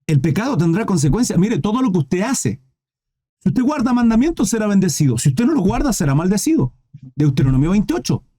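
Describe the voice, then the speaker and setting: A man's voice: sits high, big pitch swings, fairly quick, dark tone, slightly rough, no echo, clean studio sound. A man preaching a live Bible teaching in a direct, exhorting way.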